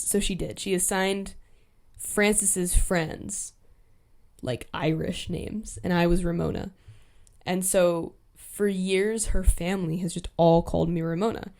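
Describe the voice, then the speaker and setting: A chatty young woman with a fairly low, darkish voice hosts a solo storytime podcast. Her casual telling is full of "like" fillers, quick asides and self-corrections.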